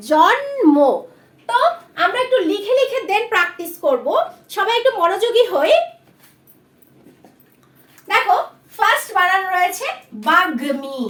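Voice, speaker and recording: High-voiced woman teaching spelling. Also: a bit bright, reverberant. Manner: patient, repeats words slowly for learners. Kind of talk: spelling lesson at a board.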